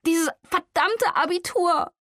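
A woman voicing a young female artist who is anxious, tearful and despairing, her voice high and breaking. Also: takes it slowly, a bit bright, dry recording, clean studio sound, exaggerated voice.

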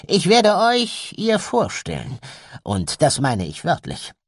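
A man's voice: a little high, huge pitch swings, slow, gravelly, husky, dry recording, studio quality, pitched above the performer's own voice, exaggerated voice. A man reading an audiobook, voicing a stern, secretive uncle who commands in a raised voice.

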